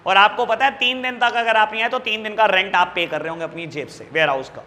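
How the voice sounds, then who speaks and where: A man teaching a commerce class, warmly calling his students "beta" and asking them questions that he answers himself. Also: high-pitched, fast, big-room sound, a little hiss or hum. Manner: affectionate, calls students "beta" and "babu" constantly. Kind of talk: classroom lecture.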